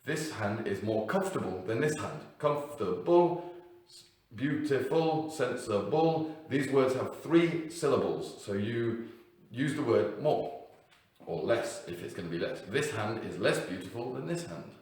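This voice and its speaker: A man's voice: lowish voice, lively intonation, normal speed. Echoey man teaching grammar. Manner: unscripted, with fillers and self-corrections, emphatic on example words. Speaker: English teacher. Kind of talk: explaining grammar to learners. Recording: echoey room, mic at a distance.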